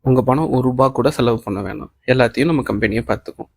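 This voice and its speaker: Reading a novel aloud as an audiobook, a man voices a kind, encouraging boss in a calm, reassuring way, slipping in English phrases. His voice is medium-pitched, fast, husky and edged with vocal fry, with no echo.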